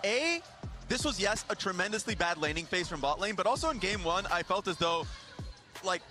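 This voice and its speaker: A man's voice: high-pitched, expressive, normal speed, music in the background. A man giving an emphatic esports analyst breakdown.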